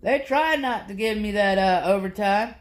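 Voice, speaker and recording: A man with a high-pitched voice speaks at normal speed in an echoey room. He's vlogging in a casual, rambling monologue, ranting about his grievances and swearing constantly in a profane, aggrieved way.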